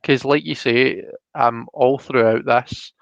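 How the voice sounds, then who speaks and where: Speaking slowly in a creaky, mid-range voice with fairly even intonation, a Scotsman does a relaxed tarot reading as host and reader. He thinks aloud and keeps checking the listener follows with "you know" and "do you know what I mean," and the audio is dull with no room sound.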